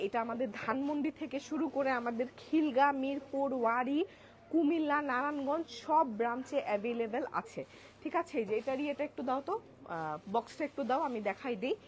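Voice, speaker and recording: A high-pitched woman hosts a live-stream sale in a crowded indoor store outlet, showing products and chatting with viewers whom she calls apu. Her talk alternates between soft and loud. She wears a clip-on mic, and the busy shop behind her is full of chattering shoppers.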